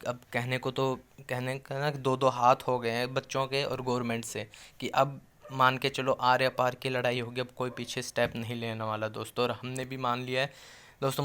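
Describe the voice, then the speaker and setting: Insistent man with a flat, clear voice. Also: mid-range voice. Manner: rallying and insistent, keeps calling viewers friends; restarts and trails off mid-phrase. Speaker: YouTube channel host addressing job aspirants. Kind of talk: casual direct-to-viewer appeal.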